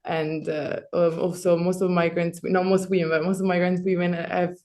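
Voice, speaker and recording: A woman's voice: lowish voice, level tone, darkish tone. Rambling young woman asking a question. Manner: rambling, fast, many likes and fillers. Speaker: audience member asking a question. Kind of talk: question from the floor.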